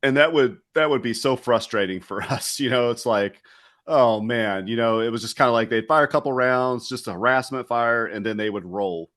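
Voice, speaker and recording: A man's voice: medium pitch, moderate pace, a bit bright. A middle-aged man from West Virginia, a retired soldier and interview guest, talking candidly and reflectively in a loose casual way. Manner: reflective and candid, loose with fillers like "you know".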